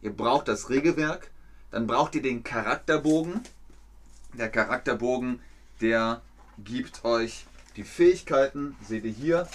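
A man teaching German to learners, speaking slowly and clearly and repeating words. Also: medium pitch. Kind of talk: teaching German to learners via a live stream.

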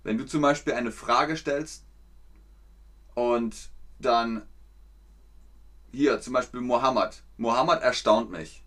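Male German tutor, mid-pitched, speaks very slowly and plainly, repeats vocabulary and acts out emotions for learners. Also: a bit bright. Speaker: German teacher. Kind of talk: slow, clear language lesson for learners.

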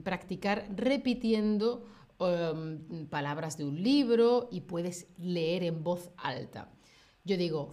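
A woman from Spain with a Spanish accent gives a relaxed, unhurried pronunciation lesson, taking her time over each word. She is patient and encouraging, drawing sounds out slowly so learners can copy them, with a voice that sits at an ordinary middle pitch. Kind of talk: live online language lesson.

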